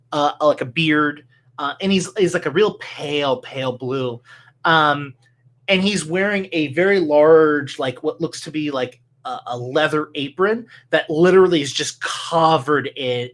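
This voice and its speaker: A man improvising tabletop game narration as game master, halting as he searches for words. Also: on the high side, fairly bright tone.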